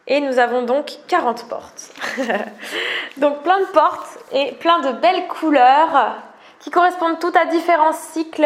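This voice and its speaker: A French woman, a wellness coach chatting casually to camera, enthusiastic and gushing, often laughing. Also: high-pitched. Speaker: wellness coach presenting oracle cards.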